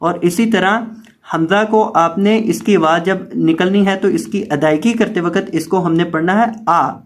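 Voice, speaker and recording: A man's voice: sits high, moderate pace. A man teaching Quran pronunciation, spelling out letters and vowel marks and repeating each word several times for learners. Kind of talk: tajweed pronunciation lesson.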